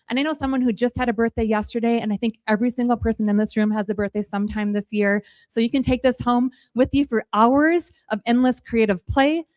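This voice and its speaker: An American woman presenting items for sale as an auction contestant, in clear public-address sentences. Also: fairly high pitch, a little mellow, no room sound. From Minnesota, United States.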